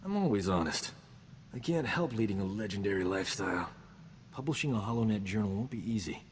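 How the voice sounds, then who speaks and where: A cocky, self-important space doctor, played by a man who brags and wisecracks through every line. The voice sits a little low. A long reverb and faint hiss hang behind him, as in game dialogue. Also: expressive, a little fast, lightly acted. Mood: wry. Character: boastful roguish male doctor, vain and flippant. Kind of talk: video game character dialogue.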